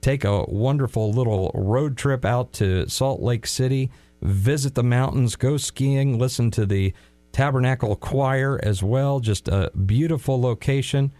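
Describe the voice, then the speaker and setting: A man's voice: medium pitch, measured pace, warm tone, no room sound, faint music behind. A man co-hosting a local sports talk show, chatting casually with playful sarcastic asides.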